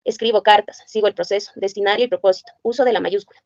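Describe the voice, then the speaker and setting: A woman's voice: medium pitch, fairly even intonation, quick pace, a little mellow, no room sound. Woman presenter, reads items in a plain listing way; dry, dull lo-fi recording. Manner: plain list-reading, spells out letters and sounds one by one. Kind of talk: reading a curriculum list aloud.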